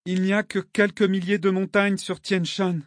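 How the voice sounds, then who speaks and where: A man's voice: high-pitched, moderate pace, voice pushed up, lightly acted. A man reading an audiobook, voicing a sad, cryptic young woman in a raised voice. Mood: instructing. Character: young woman, wistful, gently mischievous guide.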